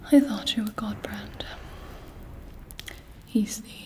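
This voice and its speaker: Woman whispering as Carmilla, a slow, haughty vampire queen. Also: mid-range voice, steady tone, natural voice. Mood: haughty, probing. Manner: imperious, sardonic, slow and deliberate. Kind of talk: whispered ASMR roleplay.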